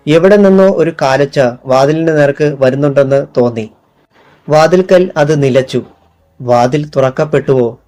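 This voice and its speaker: A man narrating a novel in a steady, even storytelling voice. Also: fairly high pitch, moderate pace, soft background music. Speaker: audiobook narrator.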